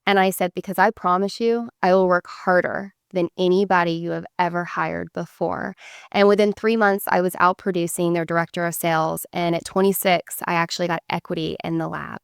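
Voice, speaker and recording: A woman guest speaks earnestly in an interview, giving motivational advice drawn from her own story. Her voice is smooth and resonant and sits fairly low. The recording is dry and close. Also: flat delivery, fairly quick, no room sound. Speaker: guest, foundation founder. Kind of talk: casual interview chat.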